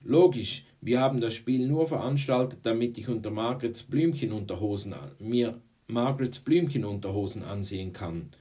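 A man's voice: on the low side, moderate pace, few pauses, a little mellow, pitched above the performer's own voice, lightly acted. A man doing an indignant schoolboy. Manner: talks through clenched teeth. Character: angry schoolboy, indignant, defensive.

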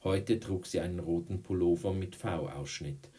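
A man narrating an audiobook in a measured, steady way. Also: deep voice. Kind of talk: audiobook reading.

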